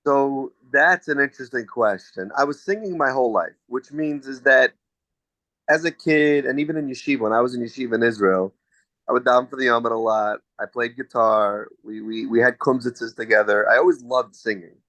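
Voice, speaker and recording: A man's voice: medium pitch, brisk, bright, forceful tone, no room sound, low-quality recording. A man from the United States, a singer answering interview questions in a chatty, storytelling way with frequent restarts.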